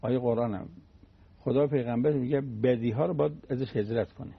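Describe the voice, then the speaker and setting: A man's voice: mid-range voice, gravelly, husky, lo-fi sound. A man giving a conversational religious talk on the radio, teaching through everyday anecdotes and homely examples.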